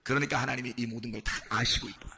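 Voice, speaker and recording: A male pastor preaching a sermon and leading a shouted healing prayer with fervent intensity. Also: mid-range voice, steady tone, racing, heavy background noise. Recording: loud music behind the voice. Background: loud church music.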